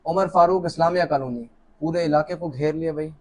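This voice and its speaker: Hosting a live lucky draw from an office, a man sits alone at a camera and talks briskly in a slightly high voice. It is easygoing live-stream chat: he jokes, gives viewers warm greetings, and reads out names.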